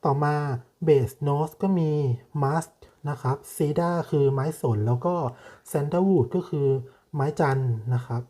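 Slow, hesitant man reviewing perfume. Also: on the high side, mellow. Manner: slow, hesitant, frequent drawn-out fillers, polite. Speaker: perfume reviewer, channel host. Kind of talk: casual product review.

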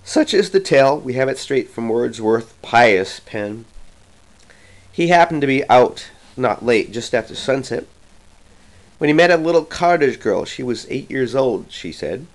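Male reader, middle pitch, slow dramatic poetry recitation, rhythmic. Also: expressive, poor audio. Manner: slow, theatrical rhythmic delivery.

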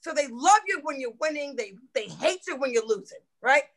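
A middle-aged woman, a former football coach, telling stories in a podcast interview, lively and swearing freely as she acts out quotes. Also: high voice, a little fast, low-quality recording. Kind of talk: animated storytelling in a podcast interview.

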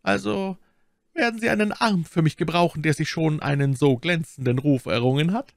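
A man's voice: on the high side, normal speed, creaky, no room sound, clean studio sound, voice pushed up. A man reading an audiobook, voicing a cunning, vengeful noblewoman in a raised, coaxing voice. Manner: coaxing, imperious. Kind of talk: audiobook character voice.

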